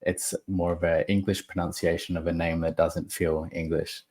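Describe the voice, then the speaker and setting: A man being interviewed as a podcast guest, talking slowly and reflectively with many pauses. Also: low-pitched, little pitch movement, darkish tone. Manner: slow, measured, thoughtful with pauses.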